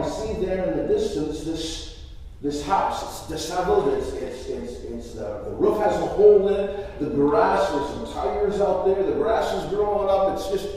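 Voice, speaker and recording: A man in his fifties, a pastor telling a story sermon in the first person, with dramatic swings in loudness. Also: sits high. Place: large church. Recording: echoey church hall from far off.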